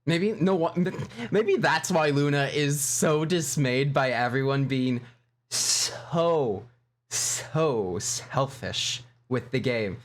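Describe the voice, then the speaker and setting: A man's voice: on the high side, takes it slowly. A man streaming a video game, chatting casually, laughing and reading game lines aloud. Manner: animated, giggly, reads game lines aloud. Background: faint game music.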